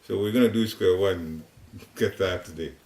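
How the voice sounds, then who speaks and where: An older man from Ghana, speaking with a Ghanaian accent, runs a devotional class at home in his living room. His voice is low and darkish, his pace moderate, and his informal spiritual teaching wanders chattily, punctuated by chuckles. He sits while a room recorder some distance away picks him up, so the audio sounds roomy with a faint hiss.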